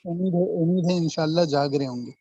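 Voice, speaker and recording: A man leads an online grammar lesson over a video call, saying each term slowly and repeating it. His voice sits a little high, and the audio is dull and dry, like a call through a computer mic. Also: dark tone, husky, no room sound. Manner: slow, repeats terms and drills examples. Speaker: Arabic grammar teacher.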